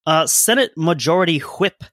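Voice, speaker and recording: A man's voice: fairly high pitch, lively intonation, normal speed, a bit bright, no echo, studio quality. A man co-hosting a casual history podcast, reading old newspaper quotes aloud in a conversational way. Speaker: podcast co-host.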